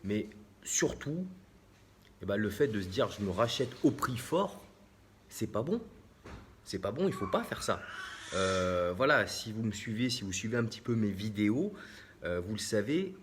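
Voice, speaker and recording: A man's voice: on the low side, sing-song, moderate pace, slight background noise. A man with a French accent explaining property investing on a casual live stream, with frequent hesitations and restarts. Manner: hesitant, many fillers and restarts. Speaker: real estate investor hosting a live stream.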